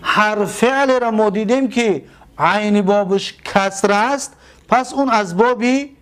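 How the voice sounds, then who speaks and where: A man with a high voice teaches a grammar class. He stretches each example word out slowly and repeats it. Then he quizzes the room and answers his own questions. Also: a bit bright, clean tone. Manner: slow drawn-out repetition of example words; asks the class questions and answers them himself. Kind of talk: Arabic grammar lesson.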